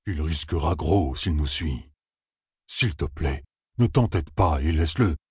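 A huge, soft-hearted Ogier from a fantasy storybook, anxious and pleading, voiced by a man narrating. The voice is low, husky and gently unsteady. It sounds dry and close-miked. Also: expressive, moderate pace, no echo, heavily acted. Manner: soft, pleading, slightly trembling.

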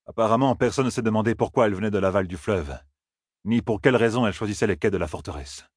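Guy reading as low calm old-soldier type, plain report, dry audio. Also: fast, husky, no room sound. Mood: matter-of-fact. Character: steady veteran male warrior bodyguard.

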